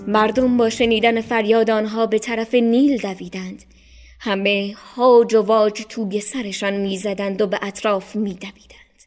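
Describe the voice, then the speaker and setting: A woman narrating a storybook for children in an expressive, measured way. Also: medium pitch, soft background music.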